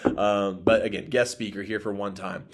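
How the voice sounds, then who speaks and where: A young man with a lowish voice walks volunteers through the children's service plan in a loose, rambling way. He fills his pauses with ums and uhs and sounds easygoing. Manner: relaxed, rambling with frequent ums. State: allergies, may sneeze. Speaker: children's ministry leader briefing volunteers. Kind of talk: casual planning briefing.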